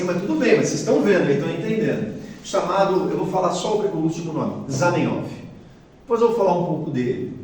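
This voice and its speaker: A man's voice: fairly high pitch, darkish tone. A man with a Brazilian Portuguese accent giving a chatty, explanatory lecture with slides, often checking in with his audience. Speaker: guest lecturer. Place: large hall at a spiritist center. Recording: very echoey hall, voice far from the mic, faint noise.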